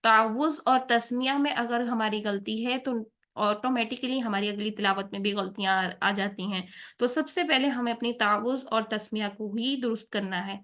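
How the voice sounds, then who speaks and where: A woman's voice: fairly high pitch, fairly bright tone. Patient woman teaching Quran recitation rules. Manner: patient, checks in with "theek hai?" after each point. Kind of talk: tajweed lesson with slow recited examples.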